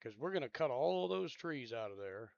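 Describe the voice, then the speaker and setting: Easygoing male gameplay commentator, mid-pitched, rambling, dry close sound. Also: sing-song, moderate pace, creaky, no room sound, dull audio. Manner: rambling, thinks out loud with trailing-off asides; laid-back and drowsy, yawns. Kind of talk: casual game commentary.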